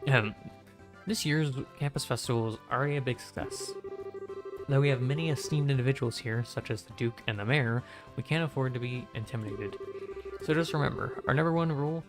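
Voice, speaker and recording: Brief: a young council president addressing a crowd, read flat by a male streamer. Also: mid-range voice, a little fast, over music, close to an everyday voice. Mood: announcing. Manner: reads the lines plainly in his own monotone.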